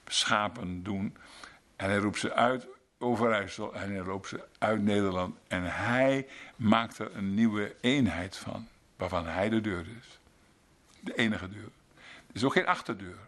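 Gravelly, low-voiced preacher. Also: male voice, fairly bright tone. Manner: earnest, repeats phrases for emphasis. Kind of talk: sermon with closing prayer.

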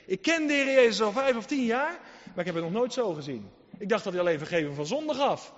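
A man's voice: sits high, sing-song, fairly quick. A man preaching in a reverberant hall, briefly voicing an earnest churchgoing husband who tells his wife what he has realised. The recording sounds dull and lo-fi.

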